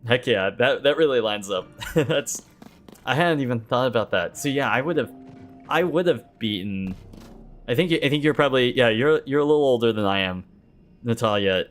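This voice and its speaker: Soft music plays behind a man in his thirties who keeps up casual chatter while streaming his gameplay. His medium-pitched voice is expressive and fairly bright at a normal speed, and he rambles, mutters, and laughs or swears from time to time.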